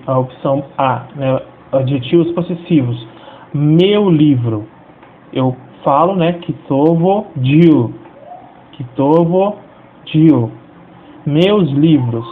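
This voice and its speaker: Brazilian guy explaining a lesson, keeps checking in with listeners, sounds kinda tinny. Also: on the high side. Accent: Brazilian Portuguese. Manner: explanatory, fills with frequent tag questions. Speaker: language teacher. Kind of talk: video lesson. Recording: tinny lo-fi audio with faint hiss.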